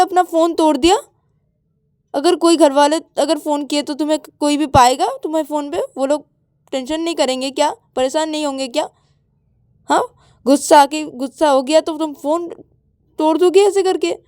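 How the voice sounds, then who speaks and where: A woman's voice: high voice, darkish tone, no room sound, studio quality, lightly acted. A woman voicing a clingy, tearful young woman who stammers and repeats her words.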